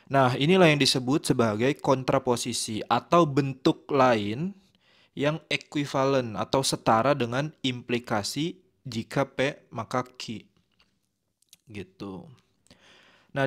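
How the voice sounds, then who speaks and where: A man teaching a lesson on logic in a relaxed, conversational way, with lots of fillers and tag words. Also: mid-range voice. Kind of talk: casual explanatory lesson.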